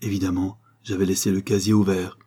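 A grave doctor speaks solemnly and sternly, as a male reader performs him. The voice is low, dark and husky. He sounds like a learned man in a storybook. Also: flat delivery, brisk. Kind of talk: audiobook character reading.

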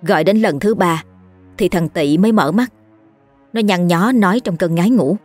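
Woman narrator, ghost story audiobook, steady, lowish voice. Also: normal speed, no echo, soft background music.

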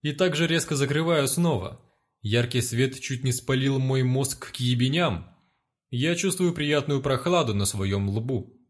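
A man's voice: medium pitch, lively intonation, a little slow. A man narrating a story in the first person, in a crude, profane and sardonic way.

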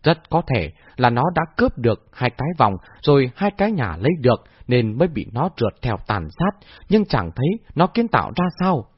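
A man voicing a calm, clever young heroine in a husky voice on a dull, dry recording. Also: medium pitch, fairly quick, no room sound. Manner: soft, reasoning.

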